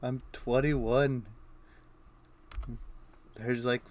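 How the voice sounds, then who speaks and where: A man streaming a game chats casually, muttering brief fragments of his thinking in a medium-pitched, steady voice that moves extremely slowly. Faint typing and mouse clicks come through in the background.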